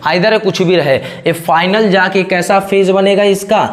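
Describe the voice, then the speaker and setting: A man's voice: sits high, a little slow. Hindi chemistry teacher quizzing his class. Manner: asks questions and answers them himself; repeats a fixed question-and-answer pattern. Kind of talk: classroom lecture.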